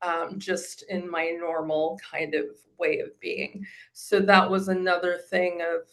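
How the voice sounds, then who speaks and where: A woman's voice: fairly low pitch, level tone, unhurried. A woman in her forties giving a testimonial in a casual interview, rambling with many fillers and restarts. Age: 40s. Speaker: program client giving a testimonial.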